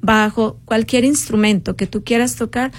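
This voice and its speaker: A woman appearing as a radio guest, explaining the programs of a community music school in a steady, informative way. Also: on the high side, moderate pace, no room sound. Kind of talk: radio interview.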